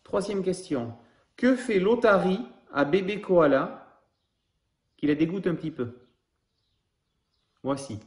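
Slowly and with frequent pauses, a man with a high voice reads a picture book aloud, speaking directly to young children and quizzing them afterward. He sounds animated, and the space is roomy and echoey.

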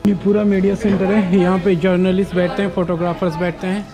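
Young man, from India, high voice, chatty travel vlog, phone at arm's length, outdoors, music behind. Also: little pitch movement, fast. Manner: chatty, explaining sights as he walks. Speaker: vlogger. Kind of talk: casual walking travel vlog. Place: outdoors on city streets and in a stadium. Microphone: phone camera at arm's length. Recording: background music under the voice.

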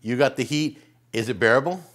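A man's voice: medium pitch, fairly quick, fairly bright tone. A middle-aged man casually hosting a food challenge in a home kitchen, talking to the camera and guests. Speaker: host and cook of a hot wing challenge.

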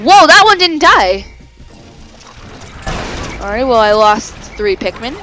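Brief: high-voiced woman, lively swooping delivery, chatty let's-play commentary, easily excited. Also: slow, over music, rough recording. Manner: excitable, rambling, with sudden exclamations. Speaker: video game let's player. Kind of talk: casual gameplay commentary.

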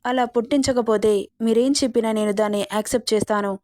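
A woman's voice: on the high side, fairly even intonation, fast talker, a little mellow, dry recording, clean studio sound, natural voice. A woman voicing a defiant young heroine who pleads earnestly and indignantly with her boss in a romance story.

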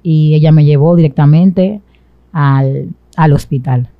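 A young adult woman from the Dominican Republic, with a Dominican accent, tells her own story as an interview guest in a small indoor studio set with a sofa. Her voice is low-pitched and a little slow, picked up by a boom-arm mic close to her mouth. The sound is lo-fi with no room sound.

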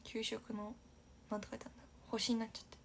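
A young woman from Aichi chats casually on a livestream in a slightly high voice, giggling as she reads viewer comments aloud. She often drops to a near-whisper. A faint hiss sits under the recording. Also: monotone, quick pace, vocal fry, fairly bright tone. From Aichi, Japan. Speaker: idol livestream host.

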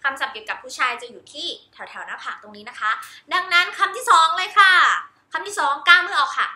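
A woman's voice: high voice, sing-song, fast, pushed and bright, reverberant. A woman teacher giving a cheerful lesson on baby sign language, demonstrating each sign while repeating English words. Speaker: homeschool teacher.

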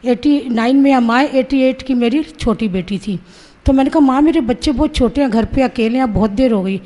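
A woman in her sixties recounts a personal testimony in an earnest, vivid way, voicing her own remembered words as she goes. Her voice sits high for a woman, yet its tone is warm and mellow rather than sharp. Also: normal speed. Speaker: Sahaja Yoga practitioner giving a testimony.

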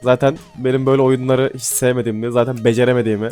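A man giving casual gameplay commentary, excitable and swearing casually, then dropping to mumbling asides. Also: medium pitch, racing. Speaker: gaming YouTuber. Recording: faint music behind.

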